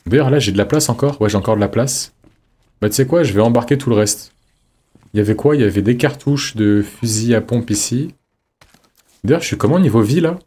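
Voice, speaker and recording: Low, mellow-voiced man streaming. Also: slightly rough. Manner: chatty, reads in-game notes aloud, jokey asides. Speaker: streamer playing a horror game. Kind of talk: casual let's-play commentary.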